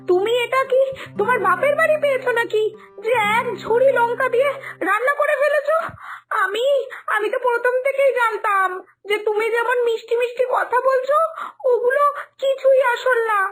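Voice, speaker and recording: A woman voicing an angry young sister-in-law who accuses in a tearful, shrill manner, for a cartoon story. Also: moderate pace, a bit bright. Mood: accusing. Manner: shrill, accusing, near tears.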